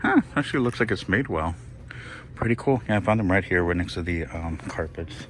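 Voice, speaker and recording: A man with a very deep voice walks through a discount store, chatting into a handheld phone. He gushes and exclaims over everything, and faint store ambience hums behind him. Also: a little fast, slight background noise. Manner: gushing, excitable, exclaims and laughs often. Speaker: shopping vlog host. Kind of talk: casual shop-with-me walkthrough.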